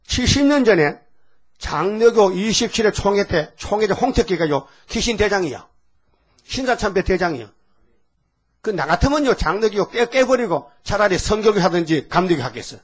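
An older man, a pastor, preaching a folksy, theatrical sermon and acting out the voices of people in his story. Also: sits high.

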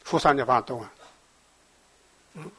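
Slightly rough and medium in pitch, a male pastor's voice moves a little slowly through an emphatic sermon. He challenges the congregation with rhetorical questions, swinging from loud exhortation to quiet asides.

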